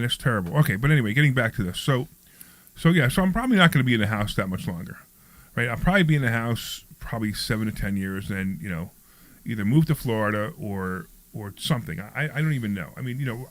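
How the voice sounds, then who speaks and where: A man's voice: medium pitch, lively intonation, fast talker. A man in his sixties hosting a radio talk show, chatting casually, rambling with frequent restarts. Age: 60s.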